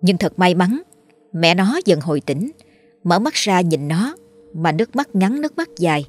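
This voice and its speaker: A woman narrating a ghost story in a steady, dramatic storytelling voice. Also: on the low side, normal speed, soft background music.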